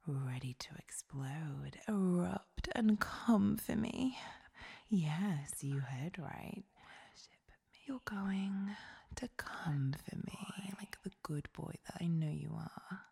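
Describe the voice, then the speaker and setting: Whispered role-play: woman as commanding, seductive goddess voice, very breathy, unhurried and sensual. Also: lowish voice, mellow, full character voice.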